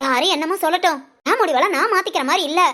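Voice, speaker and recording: A woman's voice: very high-pitched, rapid-fire, sharp tone. A woman voicing a stubborn, scheming village mother-in-law in a cartoon, talking in a blunt, scolding way. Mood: defiant. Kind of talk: cartoon voice acting.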